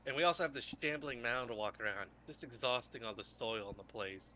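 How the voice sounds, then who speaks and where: A man's voice: mid-range voice, a little fast, pushed and bright, slight background noise, close to an everyday voice. A man playing a jaded fungus warrior chief. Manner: blunt and weary, swears casually. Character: jaded gruff male mushroom warrior leader.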